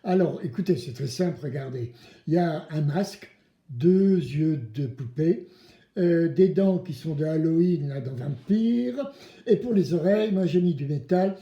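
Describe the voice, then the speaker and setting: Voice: mid-range voice, lively intonation, unhurried, warm tone, dull audio. A person presenting a craft tutorial for children, speaking French directly to the kids in a playful, theatrical way and prompting them to respond. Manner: playful, theatrical, exclamatory, asks the children to answer. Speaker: presenter of a children's DIY video series. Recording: roomy, echoing indoor sound.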